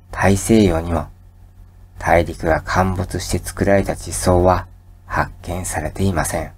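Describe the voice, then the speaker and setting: A man with a very low, husky and breathy voice narrates like bedtime pillow talk. He reads at a slow, measured pace, calm and soothing, as a hushed lecturer helping a listener drift off to sleep. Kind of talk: soft pillow-talk scripted narration for falling asleep.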